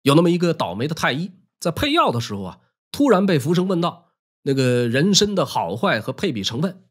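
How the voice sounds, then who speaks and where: A man's voice: a little high, very animated, brisk, husky. A man telling history in a wry, colloquial storytelling style.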